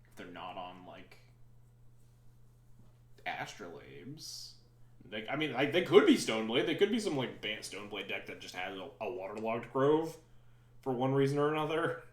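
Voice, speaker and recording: A man's voice: lowish voice, very animated, normal speed, long pauses, reverberant. A man streaming a card game, thinking aloud in rambling, sometimes sarcastic casual commentary.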